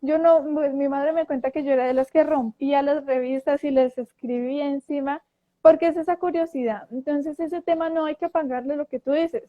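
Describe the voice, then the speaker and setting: A woman telling a story in casual talk, animated and acting out quoted voices, with frequent restarts. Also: sits high, moderate pace. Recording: dull lo-fi audio.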